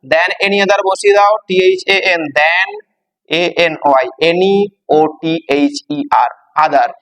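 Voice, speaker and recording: A man teaching English grammar, slowly spelling words out letter by letter and stressing each step. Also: fairly high pitch, fairly bright tone, in a large hall, low-quality recording. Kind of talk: classroom-style grammar lesson.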